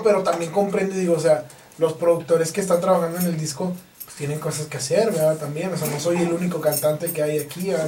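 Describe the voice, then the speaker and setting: Slangy Mexican man in an echoey room. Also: on the high side. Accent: Mexican Spanish. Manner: relaxed slangy talk, laughs often. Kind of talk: casual interview chat. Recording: echoey room, distant mic, background noise.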